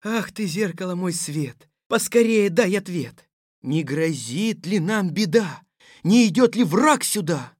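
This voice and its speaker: An actor playing a stern but sensible fairy-tale tsar who speaks in a gruff, commanding way. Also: male voice, high voice, lively intonation, measured pace, dry recording, studio quality. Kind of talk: audio fairy-tale drama.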